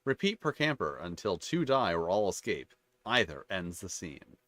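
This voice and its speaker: A man's voice: low voice, sing-song, normal speed, a bit bright, no echo. A man hosting his channel, reading tabletop game rules aloud and breaking off into chatty, rambling asides. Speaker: channel host reviewing tabletop games.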